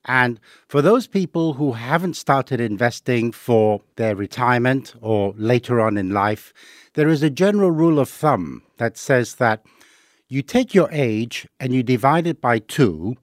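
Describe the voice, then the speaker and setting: A middle-aged man from Hong Kong talks on a podcast, laying out sums step by step in a patient, teacherly way. His pitch sits in an ordinary middle range. The recording is dry and close, with no room sound. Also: lively intonation, unhurried, no room sound. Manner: patient, explains step by step with worked examples. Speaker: investing guest. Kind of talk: podcast interview.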